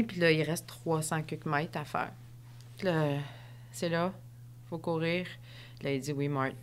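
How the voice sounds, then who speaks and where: A woman with a Québécois accent, a podcast guest telling stories in a lively, excitable way and laughing often. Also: fairly low pitch. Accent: Québécois French. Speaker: podcast guest, ultramarathon runner. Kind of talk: animated storytelling in conversation.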